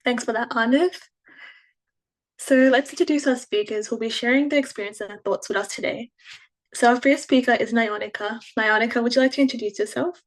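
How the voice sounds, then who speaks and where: Young woman moderating, slightly high voice. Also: fairly quick. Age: young adult. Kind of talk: moderating a panel. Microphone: online video call.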